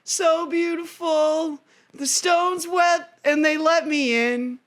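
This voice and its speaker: A man doing a high, earnest lover boy from a musical, sing-song and dreamy, slow delivery. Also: steady tone, fairly bright tone, heavily acted. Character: naive young male lover boy hero from a musical.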